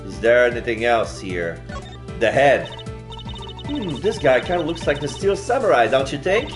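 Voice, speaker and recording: A man's voice: medium pitch, very animated, moderate pace, over music. A man playing a video game, reading its dialogue aloud and commenting as he goes.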